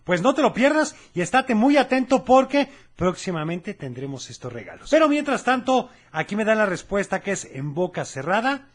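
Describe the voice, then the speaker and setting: A man's voice: high-pitched, very animated, moderate pace, hardly any pauses. A man hosting a children's radio show, cheerful and talking straight to the kids.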